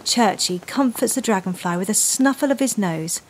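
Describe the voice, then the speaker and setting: A woman narrating a scripted children's story with gentle relaxation guidance, in an expressive, gentle manner. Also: mid-range voice, normal speed, a little hiss or hum, low-quality recording. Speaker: children's storyteller leading a guided breathing exercise.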